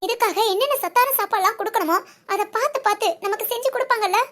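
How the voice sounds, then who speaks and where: A woman's voice: very high voice, fast, fairly bright tone. A woman voicing an anxious, injured young married woman in a cartoon, talking in a tearful, pleading way. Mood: earnest. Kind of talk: cartoon voice acting.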